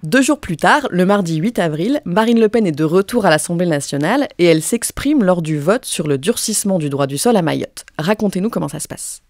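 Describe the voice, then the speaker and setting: A podcast host reading scripted narration in a poised, clear manner and putting direct questions to a reporter. The voice sits in a middle pitch. The sound is dry and close. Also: expressive, brisk, hardly any pauses, no echo.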